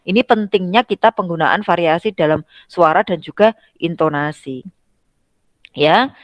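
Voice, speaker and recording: A woman's voice: lowish voice, unhurried, no echo. Woman lecturer, dry close sound. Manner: conversational, acts out classroom examples with shifting intonation. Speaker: university lecturer. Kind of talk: recorded lecture on teaching skills.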